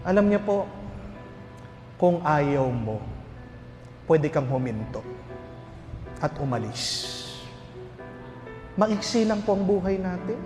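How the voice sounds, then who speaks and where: A priest with a Filipino accent preaching at a recollection, telling a humorous story full of rhetorical questions. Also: male voice, high-pitched, big pitch swings, slow pace, long pauses, a little mellow. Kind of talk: sermon at a recollection. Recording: hall reverb with faint music.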